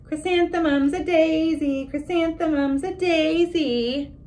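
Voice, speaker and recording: A woman voicing mocking young schoolchildren from a picture book, with drawn-out, sing-song taunting. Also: high voice, a little mellow, pitched above the performer's own voice.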